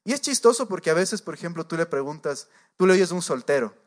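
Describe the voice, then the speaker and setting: A man preaching in a relaxed, conversational way, telling everyday stories and asking rhetorical questions. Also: fairly high pitch, quick pace. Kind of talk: informal preaching, storytelling.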